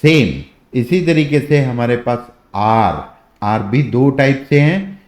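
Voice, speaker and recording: A man's voice: medium pitch, lively intonation, slow pace, darkish tone, roomy sound. A man teaching shorthand in a classroom lesson, explaining step by step and answering his own questions, mixing Hindi with English words.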